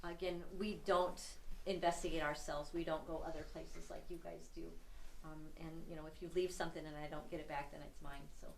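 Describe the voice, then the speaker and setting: A middle-aged woman leads a tour group, chatting and laughing at herself as she tells stories. Her voice sits on the low side and carries through a big, echoey empty room. She is heard from some distance off, with no microphone close by. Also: flat delivery, a little fast, vocal fry, a little mellow, a little hiss or hum. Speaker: tour guide and building owner. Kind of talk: casual storytelling to a tour group. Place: large old empty building indoors. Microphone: no mic, heard from a distance.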